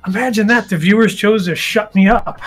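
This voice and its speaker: A high-voiced man moderating a loose online debate show. He jokes easily and pokes fun at himself. Faint music runs behind his voice. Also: fairly quick, fairly bright tone. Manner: joking, self-deprecating. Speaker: co-host and moderator. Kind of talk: casual podcast chat.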